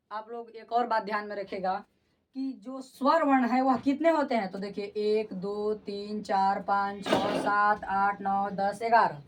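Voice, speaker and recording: A woman's voice: fairly high pitch, far from the mic. A woman teaching grammar. She repeats terms and keeps asking whether the students have understood. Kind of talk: classroom-style lesson explanation.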